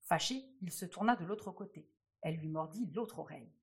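A woman reading a fairy tale aloud with expressive storytelling. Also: lowish voice, brisk, husky.

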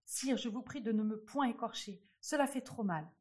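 Lady doing a shy scared princess, begging softly, breathy. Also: on the high side, moderate pace, pitched above the performer's own voice, natural voice. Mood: meek. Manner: pleading and meek. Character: timid young princess, frightened and modest.

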